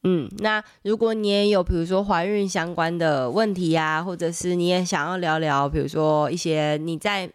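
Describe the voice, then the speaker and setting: A woman's voice: on the low side, fairly even intonation, normal speed, hardly any pauses, clear, resonant tone, dry recording. A pregnant woman in her thirties with a Taiwanese Mandarin accent, hosting a podcast in casual chat and laughing often. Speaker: podcast host.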